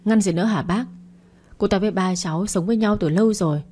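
A woman's voice: mid-range voice, fast talker, warm tone, breathy edge, soft background music, natural voice. A woman reading the part of a tearful, spoiled young woman in an audio story, with a complaining manner. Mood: tearful complaint.

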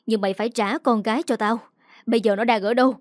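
A woman voicing a distraught middle-aged mother who pleads and shouts in a raised voice. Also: medium pitch, brisk, dry recording, studio quality, close to an everyday voice. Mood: furious.

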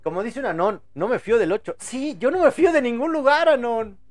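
A man's voice: very high-pitched, brisk, soft background music. A young Mexican man hosting a live podcast in casual, rambling chat, full of crude slang, stuttered repeats and restarts. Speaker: podcast host.

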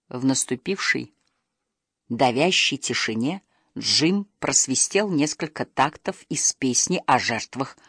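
An audiobook narrator reading a first-person story with expressive storytelling. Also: mid-range voice, no room sound, studio quality.

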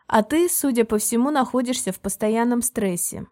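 A woman reading a calm, falsely caring controlling man. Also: on the high side, moderate pace, pitched above the performer's own voice, natural voice. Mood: pressuring. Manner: even, almost friendly, quietly pressuring. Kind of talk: audiobook character reading.

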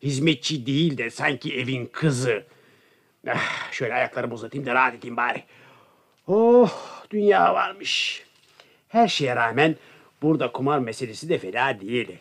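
A man's voice: mid-range voice, lively intonation, normal speed. An actor playing a rude, greedy male houseguest and gambler in a radio play, with a blustering manner. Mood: smug. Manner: blustering, shouting for service.

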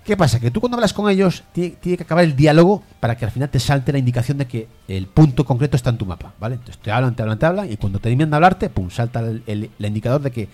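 A man from chatting on a gaming podcast, telling stories with animated acted-out voices. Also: mid-range voice, fast talker, few pauses. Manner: animated storytelling, acts out voices. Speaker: podcast co-host. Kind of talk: casual gaming podcast chat.

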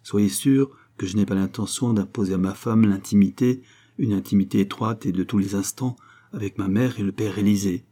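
A man's voice: lowish voice, moderate pace, dark tone, natural voice. A man reading the part of a nervous young male count, an earnest suitor who pleads eagerly and lifts his voice as he talks.

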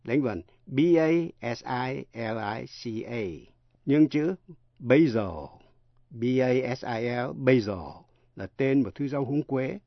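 A man teaching English pronunciation in a radio lesson, spelling words out letter by letter with slow, careful delivery. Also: mid-range voice, dry recording, highs cut off.

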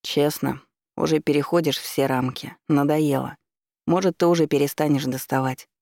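A man's voice: a little high, fairly even intonation, moderate pace, gravelly, darkish tone, dry recording, clean studio sound. A man voicing a blunt, irritated young man who speaks in a curt, dismissive way.

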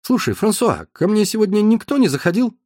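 A man's voice: sits high, sing-song, fairly quick, darkish tone, no room sound, studio quality, pitched above the performer's own voice. A man reading an audiobook, voicing an anxious young man who keeps repeating himself. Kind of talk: audiobook narration.

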